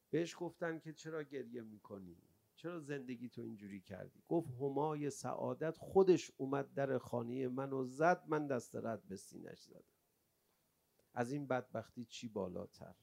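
A male preacher telling a religious story in a sermon, rising from quiet storytelling into loud, lamenting cries. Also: mid-range voice, creaky. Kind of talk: Shia mourning sermon.

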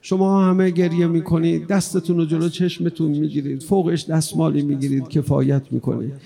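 Gravelly-voiced man preaching a mourning sermon. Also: fairly high pitch, flat delivery. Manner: impassioned, swinging from hushed to loud.

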